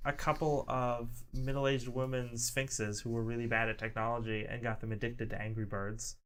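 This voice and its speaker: A man narrating as game master, playful and quick to laugh between descriptions. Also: mid-range voice, flat delivery, fairly bright tone, clear, resonant tone.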